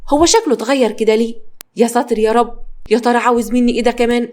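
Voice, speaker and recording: A woman's voice: on the high side, steady tone, racing, darkish tone, lightly acted. A woman with an Egyptian accent voicing a defiant, indignant middle-aged woman denying an accusation. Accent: Egyptian Arabic. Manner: indignant, pleading. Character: proud defiant middle-aged mother figure.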